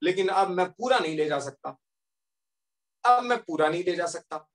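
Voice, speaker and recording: A man's voice: sits high, expressive, normal speed, fairly bright tone. A male teacher voicing blood plasma as a helpful character who bargains in a classroom story. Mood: reassuring. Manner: reassuring, then firm and haggling.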